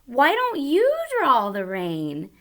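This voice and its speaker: Storybook mother, patient and cheerful, coaxing tone, bright voice, read by a woman. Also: fairly high pitch, wildly swooping pitch, takes it slowly, voice pushed up, heavily acted. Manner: gentle, coaxing.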